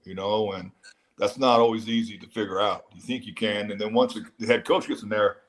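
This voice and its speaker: A man's voice: fairly low pitch, fairly even intonation, fairly quick. A man who once worked in an NFL front office, talking football in casual chat and repeating words as he builds a point. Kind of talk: casual sports talk.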